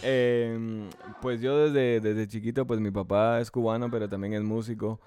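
A young man from Guatemala with a Guatemalan Spanish accent, a musician guest talking in a relaxed, slangy, hesitant way. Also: on the low side, moderate pace, clean tone, no echo, faint music behind. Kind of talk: casual interview chat.

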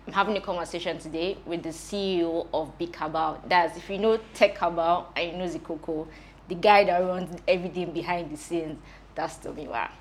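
A woman hosting a podcast interview, chatty and quick to laugh. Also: on the low side, fairly even intonation, slight background noise. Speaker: podcast host. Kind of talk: casual interview.

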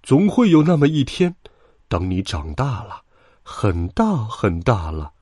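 A man voicing a mild, placating father sheep with a soothing, drawn-out way of speaking. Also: mid-range voice, wildly swooping pitch, darkish tone, dry recording, clean studio sound.

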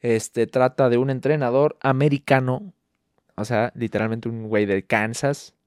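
A man's voice: mid-range voice, normal speed, clean tone, dry recording. Swearing, teasing Mexican man, dry sound. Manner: profane, teasing, animated storytelling. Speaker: podcast co-host. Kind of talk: casual chat.

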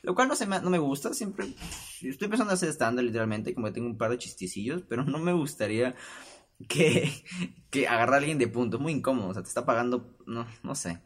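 This podcast host is a young man whose Peruvian Spanish accent colors an expressive, medium-pitched voice as he talks fast. Alone on a casual show, he rambles with stammered restarts and voices the people in his anecdotes.

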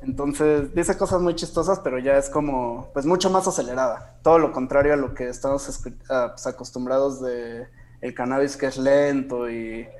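A man's voice: medium pitch, normal speed, a little mellow. A Mexican man as a radio guest, talking in a laid-back way with many fillers. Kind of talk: casual radio interview.

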